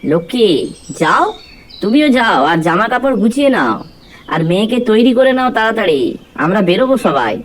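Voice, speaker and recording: A woman voicing a brisk, commanding elder woman of the household in a doll story. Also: on the high side, very animated, slight background noise, voice pushed down. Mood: hurrying.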